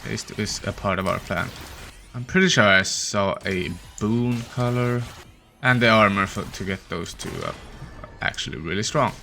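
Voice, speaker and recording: A man hosting a gaming channel, giving casual, tired, low-energy commentary as he thinks aloud while playing. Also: moderate pace, gravelly, sharp tone, faint music behind. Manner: opens with a put-on peppy intro voice.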